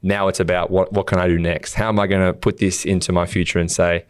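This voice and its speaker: A man's voice: deep voice, level tone, quick pace, clear, resonant tone, no room sound, clean studio sound. An Australian man co-hosting a podcast, talking earnestly in a casual motivational chat and acting out things he would say to himself. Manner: earnest, acts out quotes of himself. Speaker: podcast co-host.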